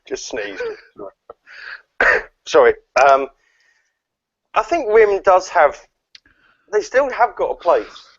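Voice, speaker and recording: A man's voice: high voice, sing-song, takes it slowly, pauses often, no room sound, muffled recording. A man co-hosting a casual tech podcast over a video call. He reads out phone specs in a list, with plenty of fillers. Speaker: podcast co-host. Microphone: online video call.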